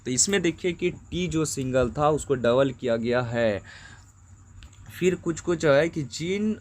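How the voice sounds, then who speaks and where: A man with a Bihari accent teaching grammar rules, speaking in a slow, methodical way and repeating each example word twice. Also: a little high. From India. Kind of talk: explaining grammar rules to students.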